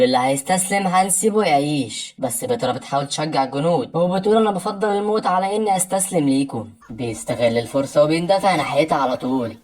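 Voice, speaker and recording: Fast-talking low-voiced Egyptian woman narrator. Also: a little mellow, far from the mic. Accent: Egyptian Arabic. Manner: brisk, dramatic retelling. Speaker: anime recap narrator. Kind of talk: fast storytelling narration with quoted dialogue.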